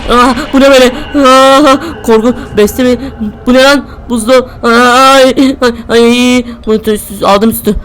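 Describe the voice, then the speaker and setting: A woman's voice: on the high side, fairly even intonation, measured pace, few pauses, fairly bright tone. A young woman giving jumpy, exclaiming commentary on a horror game, talking to herself as she plays. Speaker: game streamer.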